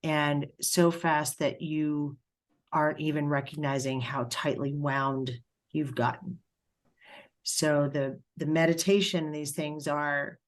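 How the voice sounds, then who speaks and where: Low-voiced woman medium giving a reading. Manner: halting, emotional, many fillers and pauses. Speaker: spiritual medium. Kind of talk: spiritual reading session.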